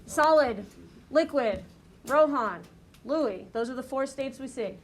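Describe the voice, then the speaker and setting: A woman's voice: high-pitched, animated, unhurried. A woman teaching a chemistry class, explaining step by step and checking in with "okay?" and "right?" after nearly every point. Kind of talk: classroom lecture.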